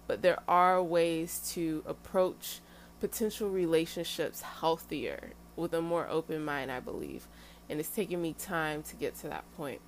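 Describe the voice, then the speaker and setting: A woman's voice: deep voice, animated, a little slow, a little hiss or hum. A young adult woman talking candidly to her viewers, chatty and emphatic, with laughing asides. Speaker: vlogger sharing dating lessons. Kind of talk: casual personal talk to camera.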